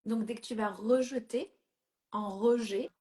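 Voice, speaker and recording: Woman coach, middle-aged, raised pitch; directive, frequent check-ins, code-switches into English. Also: fairly even intonation, measured pace, mellow. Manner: mixes English phrases into French. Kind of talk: live coaching session.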